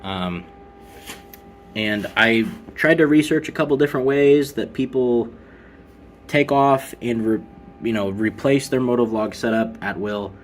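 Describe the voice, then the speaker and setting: A man's voice: mid-range voice, measured pace, slight background noise. A man presenting motorcycle vlogging gear in a casual product walkthrough, explaining things in an informal, conversational way.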